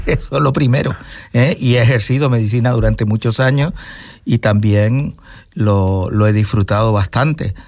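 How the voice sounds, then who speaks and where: A man, answering interview questions in a measured, thoughtful way and pausing to find his words. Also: medium pitch, a little mellow, no echo, clean studio sound. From Gran Canaria, Spain. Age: 60s. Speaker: interview guest, nature reserve director. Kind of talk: casual interview conversation.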